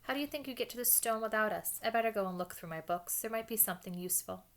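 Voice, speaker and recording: Woman doing brainy schoolgirl witch, brisk and earnest, storybook voice. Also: mid-range voice, pitched above the performer's own voice, lightly acted. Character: clever, anxious schoolgirl witch.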